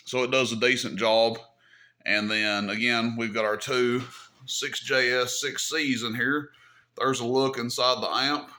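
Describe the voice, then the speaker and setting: A man with a mid-range, pushed and bright voice hosts a CB radio hobby channel. He casually demonstrates equipment, thinking aloud in a folksy, easygoing way.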